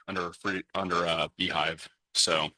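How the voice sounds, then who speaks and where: A man in a casual technical chat on a video call, his audio tinny and mechanical from a low sample rate, talking haltingly with fillers and restarts. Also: flat delivery, pushed and bright, no echo. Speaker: meeting participant.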